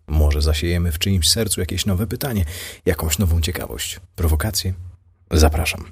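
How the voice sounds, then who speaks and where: Man, very deep voice, husky and breathy, measured solemn reading, devotional program host. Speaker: radio host and Bible reader.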